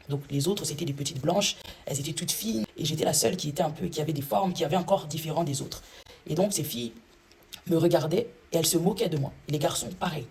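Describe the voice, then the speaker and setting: A woman's voice: low voice, gravelly, a little mellow, slight background noise. A young woman, giving a personal faith testimony in an earnest storytelling way. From Congo.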